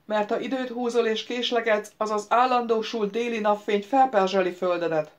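Loud bossy invisible voice, mocking and proud, a lady reader putting it on, audiobook. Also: medium pitch, fairly even intonation, muffled recording, voice pushed up, natural voice. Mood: imperious. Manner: loud, commanding, reproachful. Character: unseen booming male voice, imperious, mocking.

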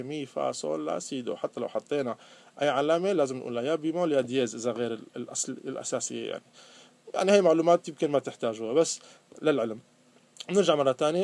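A man teaching a music lesson. He sings note names and chants verses slowly, then explains in casual speech. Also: on the high side, vocal fry, a little mellow, dry recording. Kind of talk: music lesson with sung scales and recitation.

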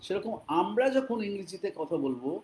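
A man with a Bengali accent teaching an English lesson, repeating each phrase slowly and deliberately. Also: sits high, expressive, mellow, slight background noise, poor audio.

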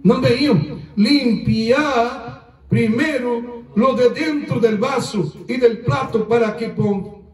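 High-voiced man preaching in an echoey church. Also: slow pace. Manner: mixes Spanish and Portuguese, calls the congregation to repeat. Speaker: pastor. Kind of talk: sermon. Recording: echoey church room, voice from far off the mic.

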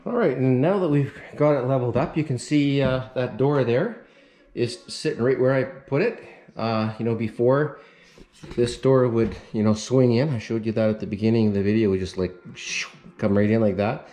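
A man in his fifties giving a relaxed, rambling how-to walkthrough, full of fillers, filmed on a handheld camera inside an empty mobile home. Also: medium pitch, moderate pace. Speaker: renovation vlogger. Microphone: action camera held at arm's length. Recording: echoey bare room.

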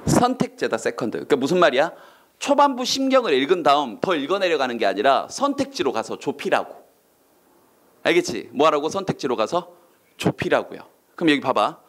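A man teaching an online English exam-prep lecture, firing quick questions at his students and acting out reactions with silly voices. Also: on the high side, big pitch swings, a bit bright.

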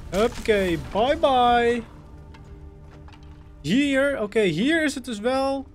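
A man giving playful, excitable let's-play commentary, talking to his in-game companion. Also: extremely high pitch, slow pace, soft background music. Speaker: gaming channel host.

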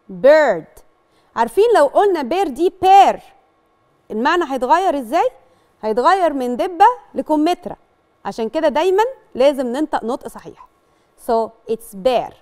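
A woman with an Egyptian Arabic accent teaching young pupils English, sounding out words carefully and switching between Arabic and English as she encourages them. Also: sits high. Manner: encouraging, addresses pupils directly. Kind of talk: classroom lesson for children.

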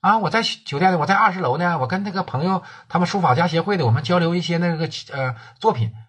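A man voicing a brisk, capable middle-aged woman, talking in a matter-of-fact way. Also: sits high, expressive, a bit bright, slightly rough, pitched above the performer's own voice, full character voice. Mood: friendly.

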